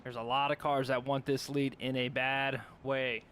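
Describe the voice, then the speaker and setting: A young man calling a sim racing broadcast, excitable and quick to laugh during close battles. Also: mid-range voice, a little hiss or hum. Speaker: race commentator.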